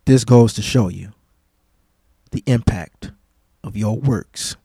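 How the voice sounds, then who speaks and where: A man hosting a radio show, giving a heartfelt, devout on-air tribute, halting often with fillers and repeated words. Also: lowish voice, gravelly, breathy edge, no echo. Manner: warm, devout and effusive.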